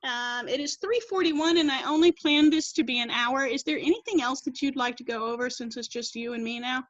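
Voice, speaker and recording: Woman teacher, high voice, bright and crisp, dry lo-fi video call sound. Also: a little fast, no room sound. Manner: explains patiently, reads quotes aloud. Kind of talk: online class lesson. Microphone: laptop mic on video call. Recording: dull lo-fi video call audio.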